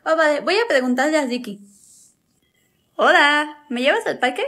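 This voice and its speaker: A high-pitched woman from Cuba whose speech carries a Mexican Spanish accent. She performs comedy sketches, jumping between sassy, expressive family characters. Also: normal speed. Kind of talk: comedy sketches playing several family members.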